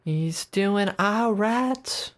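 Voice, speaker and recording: A man's voice: high-pitched, very slow. A man casually chatting while playing a video game, rambling through tangents and laughing often. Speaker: let's play co-host, player. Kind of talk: casual gameplay chat.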